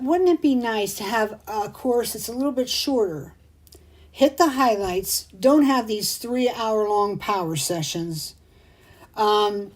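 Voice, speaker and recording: A middle-aged woman hosting a craft show, talking in a chatty, rambling way that turns excitable. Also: mid-range voice, poor audio. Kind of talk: casual chat.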